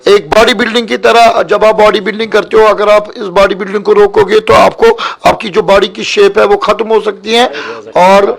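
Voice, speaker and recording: High-voiced chatty male cricket commentator. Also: level tone, normal speed, vocal fry, few pauses, low-quality recording. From Kashmir. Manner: chatty, emphatic, pleading with the team. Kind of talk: live cricket commentary, reading viewer comments.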